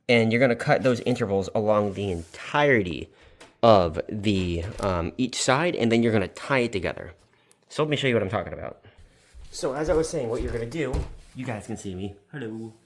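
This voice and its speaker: A man hosting a casual craft tutorial vlog, talking in a rambling, informal way with loose asides, recorded in a basement. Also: fairly low pitch. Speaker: video host. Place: basement room indoors.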